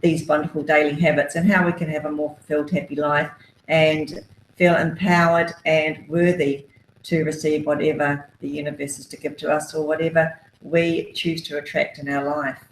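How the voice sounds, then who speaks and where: A woman's voice: low voice, little pitch movement, normal speed, slight background noise. A woman, an author giving upbeat, encouraging self-help advice with many fillers. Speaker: author and guest. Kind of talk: motivational self-help talk. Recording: roomy echo.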